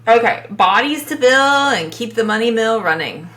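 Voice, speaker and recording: Chatty Southern woman with a bright voice. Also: fairly high pitch, normal speed. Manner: animated, chatty, laughs often, many restarts. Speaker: podcast co-host. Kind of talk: casual chat reading listener stories.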